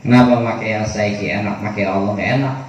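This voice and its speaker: A man's voice: lowish voice, steady tone, quick pace, muffled recording. Preacher guy telling stories in slang, far off mic, super echoey hall. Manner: casual storytelling with Betawi slang. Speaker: kiai teaching a kitab study. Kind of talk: sermon. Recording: echoey room from far off, faint noise.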